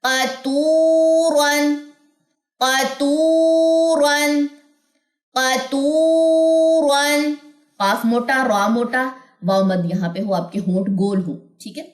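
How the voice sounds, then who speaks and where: In an online tajweed lesson, a woman with a medium-pitched, reverberant voice explains Quran recitation and pronunciation. She mixes in English words and stretches out long vowels as she demonstrates the sounds.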